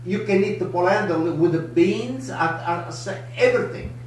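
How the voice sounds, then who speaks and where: An older man with a strong Italian accent chats through a live cooking show in lively, broken English, his voice sitting fairly high for a man. He is heard from across a home kitchen, with heavy room echo and a faint hiss behind him. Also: normal speed, recorded from a distance. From Italy. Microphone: camera across the counter. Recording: echoey kitchen, voice from afar.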